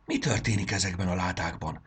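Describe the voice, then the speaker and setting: A man voicing an eager little fairy girl in a children's storybook, raising his voice high for her. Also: husky. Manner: eager, excited.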